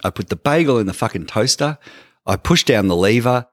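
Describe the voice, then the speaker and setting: A man co-hosting a podcast, casually pitching a product idea to his co-host with animated, acted-out dialogue. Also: brisk, no room sound, clean studio sound.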